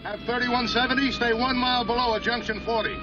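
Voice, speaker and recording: A man's voice: very high voice, level tone, fast talker, over music. A man playing a police radio dispatcher in an old TV cop show, with a clipped, urgent radio-call delivery and old TV broadcast sound. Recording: dull lo-fi old TV audio with siren noise.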